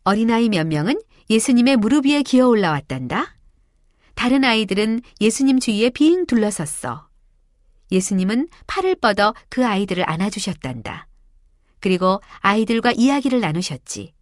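A woman narrating a Bible story for children, talking to them directly with warmth. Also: medium pitch, normal speed, dry recording, clean studio sound. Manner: warm, expressive, addressing children.

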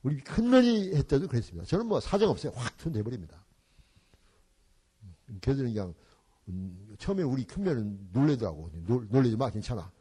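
Older church elder giving a parenting seminar, husky voice that jumps all over, acts out family stories. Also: male voice, medium pitch, fairly quick, long pauses. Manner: animated storytelling, acting out family scenes, dropping in English phrases. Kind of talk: seminar talk with storytelling.

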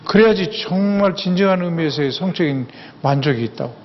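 A man's voice: fairly high pitch, animated, fairly quick, slight background noise. An older man giving a humorous lecture, folksy and anecdotal, repeating words for emphasis. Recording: echoey hall, dull sound, faint ambience.

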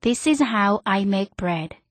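A woman hosting a radio English lesson, explaining step by step and slowly repeating each example sentence. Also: mid-range voice, lively intonation, no echo. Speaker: radio English teacher host.

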